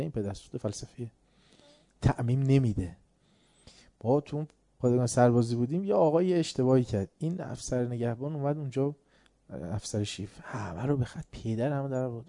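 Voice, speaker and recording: Male lecturer, story-driven and emphatic, warm mellow tone, dead-dry sound. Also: medium pitch, dry recording. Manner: storytelling, acts out dialogue, grows emphatic. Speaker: religious lecturer. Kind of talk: lecture with anecdotes.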